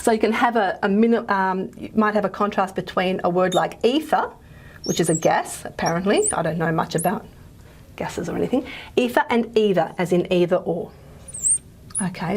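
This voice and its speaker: A woman gives a relaxed recorded lecture on speech sounds. Her talk is loose and conversational, scattered with ums and "okay?" checks. She sounds out example consonants as she works at the board. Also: lowish voice, a little fast, slightly rough. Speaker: phonetics lecturer.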